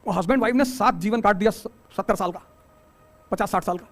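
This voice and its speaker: A middle-aged man teaches a coaching class, delivering an animated motivational talk packed with rhetorical questions and joking asides. His voice sits high and he talks a little fast.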